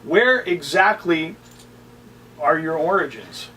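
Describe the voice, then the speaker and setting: A man hosting a loose, joking interview, his voice sitting a bit higher than most men's. He banters easily and trails off into fillers. The mic sits some way off, with faint room noise underneath. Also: lively intonation, takes it slowly, pushed and bright, recorded from a distance, poor audio. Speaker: interview host. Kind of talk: casual chat.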